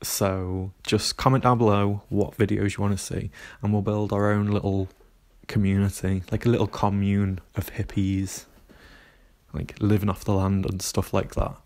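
A man's voice: fairly low pitch, level tone, moderate pace, darkish tone. A man, rambling casually to camera while walking a woodland path, with lots of "like" and "um". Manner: rambling, frequent "like" and "um". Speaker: vlogger. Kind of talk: casual rambling vlog chat.

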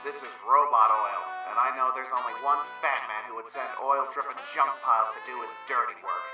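A man's voice: mid-range voice, fairly quick, lo-fi sound, natural voice. A man voicing a cocky young hedgehog hero playing detective in a comic dub. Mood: brisk, focused. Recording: music behind the voice.

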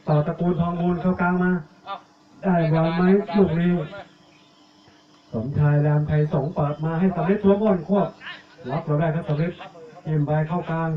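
Man, live football commentary, fairly high voice, names players fast, tinny echoey recording. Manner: rattling off player numbers and names, rising excitedly on attacks. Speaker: match commentator. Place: outdoor village football match. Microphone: cheap tablet recording. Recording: echoey, tinny, phone-like audio.

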